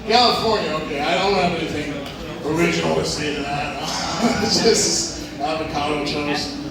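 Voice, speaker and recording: A man's voice: a little high, normal speed, heavy background noise. A man doing a crude, rambling stand-up set on a club stage, laughing at his own jokes. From Hawaii. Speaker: stand-up comedian. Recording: echoey club from a distance, crowd.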